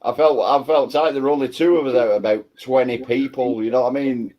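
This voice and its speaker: A man's voice: mid-range voice, fairly even intonation, quick pace, darkish tone. A man chatting casually with friends. He rambles and keeps saying "you know what I mean.".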